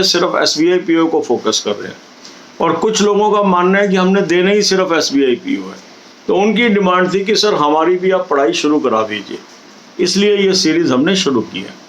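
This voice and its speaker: A middle-aged man, coaching exam candidates in a steady, instructive talk. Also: on the high side, poor audio. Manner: steady, instructive, addresses viewers directly with advice.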